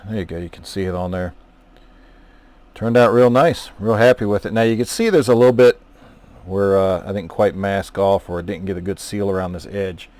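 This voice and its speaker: A man casually narrating his scale model painting, talking in a relaxed, rambling way with many fillers. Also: low voice, moderate pace, no room sound. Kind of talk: casual hobby tutorial narration.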